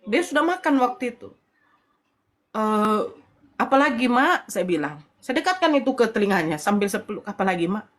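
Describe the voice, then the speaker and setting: A woman's voice: mid-range voice, sing-song, fairly quick. A middle-aged woman telling her personal testimony as a convert, emotional and tearful, with pleading prayers in her story.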